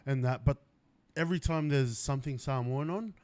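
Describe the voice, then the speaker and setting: A man's voice: mid-range voice, normal speed, darkish tone, dry recording. A man hosting a podcast interview, chatty and eager, often saying "like" and "you know what I mean.". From Australia. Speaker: podcast host. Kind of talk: casual interview chat. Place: indoors at a company's headquarters.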